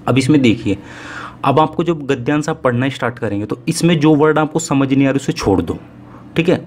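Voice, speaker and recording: A man teaching an exam-prep lesson in a casual, friendly way, checking in often and slowing down to read passages aloud. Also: mid-range voice, a little mellow. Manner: friendly, repeats "ठीक है" often, slows to read Sanskrit aloud.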